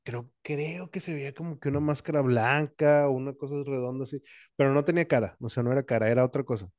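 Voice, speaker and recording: A man's voice: medium pitch, fast, a little mellow, no echo, clean studio sound. A young man, co-hosting a podcast, rambling casually through a personal story and acting out his own cries. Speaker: podcast co-host.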